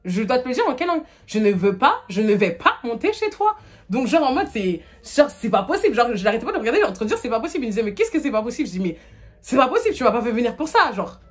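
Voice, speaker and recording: Fast chatty twenty-something girl, slangy, kinda high voice, telling a storytime. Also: sing-song, soft background music. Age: 20s. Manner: chatty, rapid, full of fillers and acted quotes. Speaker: storytime vlogger. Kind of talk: casual storytelling to camera.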